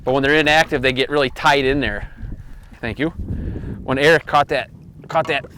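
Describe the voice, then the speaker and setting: A man hosting a fishing show, chatting casually from a boat on a lake and getting excited as fish come in. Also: medium pitch, moderate pace, a little hiss or hum. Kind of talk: casual on-the-water fishing commentary.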